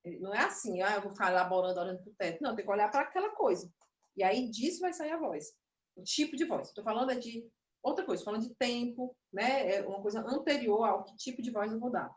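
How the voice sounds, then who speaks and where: With lively intonation and a quick pace, a woman whose voice is on the high side gives an online puppetry class. She demonstrates and explains, somewhat nervous and prone to interrupting herself, heard from afar in an echoey room.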